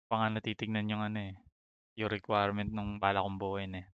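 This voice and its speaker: A man's voice: fairly low pitch, completely flat delivery, a little fast, clean tone, dry recording, dull audio. A man chatting casually while gaming, reading out item names and mixing in English. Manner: reads out item names, code-switching, chuckles. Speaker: gamer co-host.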